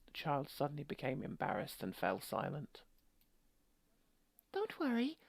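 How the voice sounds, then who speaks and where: Streaming a game, this woman reads the story aloud and mixes the narration with irreverent, sweary, joking commentary. Her voice is extremely low, husky and full of vocal fry. She speaks at a moderate pace with no echo.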